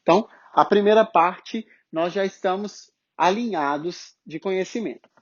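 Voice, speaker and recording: A man with a Brazilian Portuguese accent teaching English pronunciation, explaining step by step and drawing out sounds slowly to demonstrate them. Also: high-pitched, dull audio. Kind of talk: online phonetics lesson.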